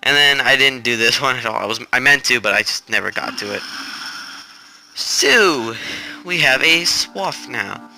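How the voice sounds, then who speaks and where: A man hosting a gaming channel, rambling and correcting himself in a flat, robotic-sounding delivery while he sounds stressed. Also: medium pitch, unhurried, gravelly. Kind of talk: casual gameplay commentary. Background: game music.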